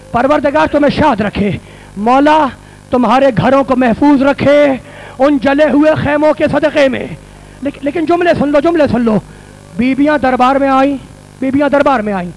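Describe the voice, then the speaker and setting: A man preaching a fervent mourning sermon in a mosque hall, his voice pitched strikingly high and edged with gravelly fry. He drives his points home by repeating each phrase, pressing the crowd toward tears. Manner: repeats phrases for emphasis, builds to cries. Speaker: religious scholar addressing mourners.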